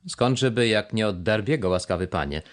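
A man's voice: on the low side, expressive, fairly quick, lightly acted. A man voicing a wheedling, overly polite one-legged pirate with a crutch, reading an audiobook. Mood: flattering.

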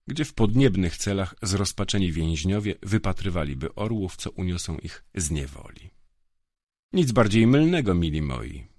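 A man narrating a first-person fantasy audiobook in a measured, dryly ironic manner. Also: low voice, no room sound, clean studio sound.

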